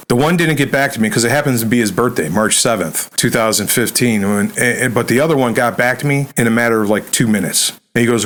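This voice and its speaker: A middle-aged man, speaking at a medium pitch. He tells a personal testimony in a relaxed, conversational storyteller's way. He acts out the dialogue and keeps checking in with "right?". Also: low-quality recording. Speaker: podcast guest. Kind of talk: personal testimony in a sit-down interview.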